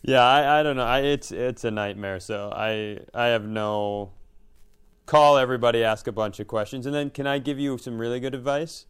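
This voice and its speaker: A podcast host and comedian shares a casual, funny personal story, poking fun at himself and slipping into imagined dialogue. His voice sits at a medium pitch, with a moderate pace and a clean tone.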